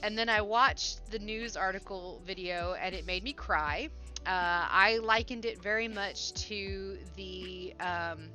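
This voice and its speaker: A woman's voice: medium pitch, slow pace, bright, forceful tone. A woman chatting casually as a crochet livestream host, talking a little funny through sinus congestion and a sore, swollen mouth. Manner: slightly impeded speech from a swollen, sore mouth. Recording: dull, lo-fi sound with faint music.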